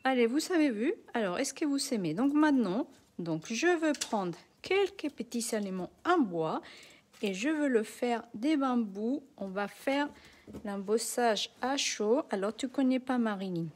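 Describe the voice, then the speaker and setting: Unhurried woman host with a foreign accent in French, talking viewers through a live craft demo. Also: on the high side, expressive, a little mellow. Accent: non-native French accent. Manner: chatty, talks viewers through each step. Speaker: craft demonstrator.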